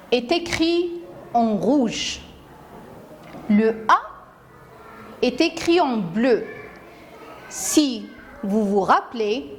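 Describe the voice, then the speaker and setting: A woman's voice: a little high, slight background noise. A woman teacher gives a phonics lesson to young children. She says each word carefully, repeats it, and breaks it into syllables. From Morocco. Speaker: primary school teacher.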